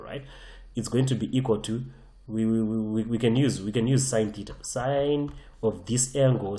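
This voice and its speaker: A man's voice: fairly low pitch, mellow, echoey room. A man teaching a physics lesson over a whiteboard, emphatic and often repeating and restarting his phrases. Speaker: physics tutor.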